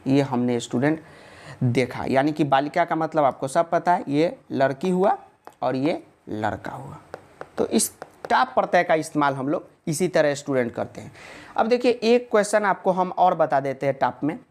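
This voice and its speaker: A man's voice: fairly high pitch, lively intonation, normal speed. A man teaching a casual online video lesson. He asks questions and answers them himself, joking with students and reassuring them.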